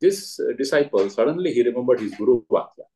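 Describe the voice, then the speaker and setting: A man with a South Indian accent giving a spiritual discourse as a teacher, in short, emphatic, deliberate phrases, often repeated. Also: medium pitch, expressive, mellow. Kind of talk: spiritual discourse answering a question, with parables.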